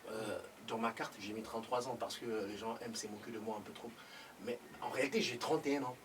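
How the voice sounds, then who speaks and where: A man's voice: lowish voice, steady tone, fast, lightly acted. A man in his thirties playing a nephew visiting from Europe, stumbling over fillers as he explains himself. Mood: insistent. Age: 30s. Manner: hesitant, many fillers and "tu vois le truc". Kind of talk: film dialogue. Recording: noticeable background noise.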